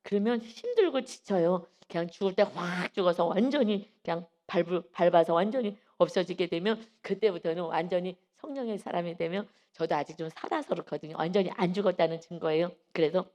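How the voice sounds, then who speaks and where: A woman pastor preaching an early-morning sermon, emphatic and quick to act out the voices she quotes. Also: fairly low pitch, a little mellow. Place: church sanctuary.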